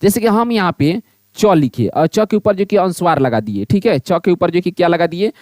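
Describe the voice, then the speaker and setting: High-pitched guy teaching at a board, asks then answers himself over and over, dry close sound. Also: animated, moderate pace, darkish tone, no room sound. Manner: repetitive question-and-answer teaching. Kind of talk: blackboard lesson.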